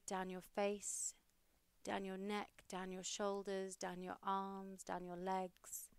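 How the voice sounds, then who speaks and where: A young woman hosting a podcast, leading a guided meditation in a slow, soothing, steady way. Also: medium pitch, smooth, dry recording.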